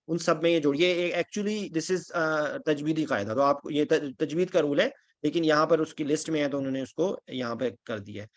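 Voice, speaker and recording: A man teaching an online Quran grammar class, patiently explaining and reciting lists of Arabic word forms, checking in with his students often. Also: a little high. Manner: patient, repeats "theek hai?" to check understanding.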